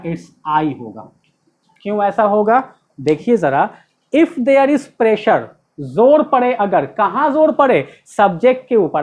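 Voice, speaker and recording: A man teaching English grammar in a classroom-style lesson, explaining step by step and checking with rhetorical questions. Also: sits high. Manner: explains step by step, asks rhetorical questions, stresses key words.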